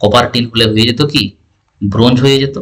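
This male teacher's voice is mid-range and steady, and he moves at a quick pace through a science lesson meant for exam prep. Terms come up again and again, and he regularly checks the listener's understanding with questions.

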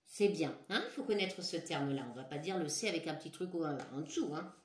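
A woman's voice: low voice, brisk, slight background noise. A woman teacher leading a dictation for young children, patient, repeating and stretching each word. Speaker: schoolteacher. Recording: echoey room.

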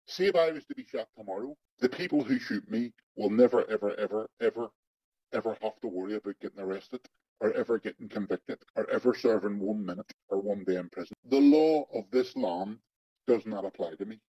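A man's voice: fairly low pitch, brisk, mellow, breathy edge, dry recording. Man with a digitally disguised voice. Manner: blunt, emphatic, heavy swearing, repeats for stress. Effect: voice digitally altered to disguise identity. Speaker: interviewee, former undercover agent. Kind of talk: angry first-person testimony in an interview. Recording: dull lo-fi audio over a remote connection.

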